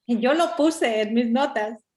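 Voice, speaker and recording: A woman's voice: a little high, a little slow, a little mellow. A woman student talking casually in an online class, chatty, with hesitant restarts. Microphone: video call.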